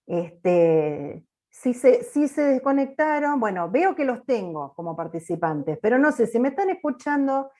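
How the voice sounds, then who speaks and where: A woman teaching an accounting class over a video call, with a loud, bossy-sounding manner. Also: a little high. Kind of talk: online class lecture.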